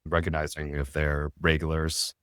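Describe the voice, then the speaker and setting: Rumbling low yet a bit bright and smooth, a man's monotone voice moves at normal speed as he talks casually as a podcast guest; he founded a restaurant tech company. His explanations are steady, with small restarts, and he often closes statements with a questioning "right?". Clean studio sound, no echo.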